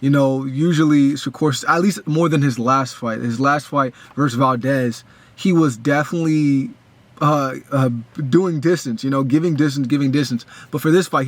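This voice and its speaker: A young man giving a casual, rambling breakdown of a boxing match as a fan, full of restarts and fillers. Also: medium pitch.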